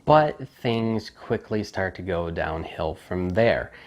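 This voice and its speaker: A man's voice: deep voice, lively intonation, takes it slowly. A man giving a casual, candid spoken album review with a critical, conversational manner. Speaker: music reviewer.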